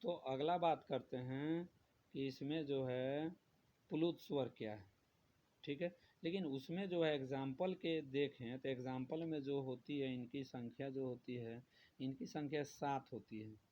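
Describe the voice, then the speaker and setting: A man teaches a grammar lesson at a mid-range pitch. He repeats his points and poses questions he then answers. The recording is dull and lo-fi, with faint noise underneath. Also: measured pace, mellow. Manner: repetitive, asks questions then answers them.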